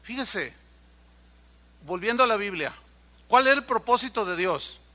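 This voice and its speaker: A man's voice: high-pitched, lively intonation, unhurried, sharp tone. A man preaching a sermon as pastor, telling stories with animation and acting out the voices of the people in them.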